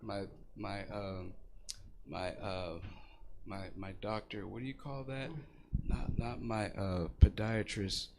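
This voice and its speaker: A man doing loose stand-up into a stage microphone, halting and repeating himself in a self-deprecating way. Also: lowish voice, steady tone, creaky, darkish tone, a little hiss or hum. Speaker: stand-up comedian. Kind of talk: loose, rambling stand-up comedy.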